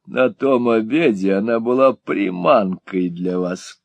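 A man's voice: on the low side, slow, vocal fry, no room sound, muffled recording, exaggerated voice. A man voicing a cynical, scheming aristocrat who drawls in a languid, condescending way. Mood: drawling.

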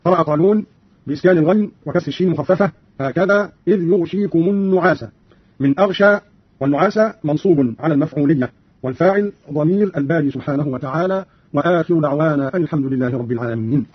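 A man giving a formal, scripted radio explanation of recitation variants, measured and exact. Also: a little high, breathy edge, no room sound. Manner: measured, formal, spells out readings. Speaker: radio presenter. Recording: dull lo-fi old radio recording.

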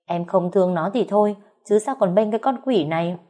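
A woman's voice: medium pitch, brisk, warm tone, lightly acted. A woman doing a haughty pregnant sister-in-law. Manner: whiny, put-upon, fake-sweet.

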